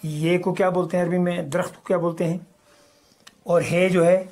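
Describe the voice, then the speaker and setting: A man from Kashmir teaching an Arabic lesson, reading example sentences slowly and explaining between them at a quicker pace. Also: sits high, level tone, a little mellow. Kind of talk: recorded language lesson.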